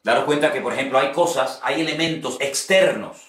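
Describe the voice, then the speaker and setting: A male preacher gives an earnest teaching talk and often repeats a phrase to press a point home. His voice sits at a middle pitch. It carries a roomy echo, as if he stands some way from the mic. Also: brisk, fairly bright tone, far from the mic. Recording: roomy echo, speaker set back from the mic.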